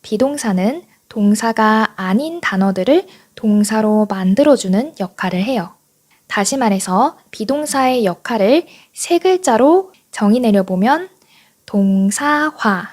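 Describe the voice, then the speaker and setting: Slow, patient woman teacher. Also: a little high, animated, a little mellow. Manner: clear, patient teaching with slow repeated model phrases. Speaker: English teacher. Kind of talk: online English lesson.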